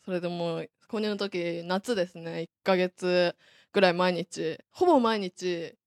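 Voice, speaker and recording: A young woman from Saitama introducing herself with an animated story. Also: lowish voice, unhurried, no echo, studio quality. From Saitama, Japan. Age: young adult. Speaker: new student guest. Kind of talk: self-introduction anecdote.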